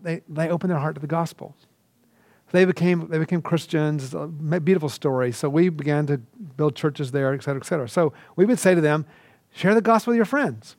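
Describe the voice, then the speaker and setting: A middle-aged man from Georgia, teaching a recorded lesson and telling lively stories. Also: a little high, no echo. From Georgia, USA. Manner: animated storytelling with asides. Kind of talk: recorded lecture.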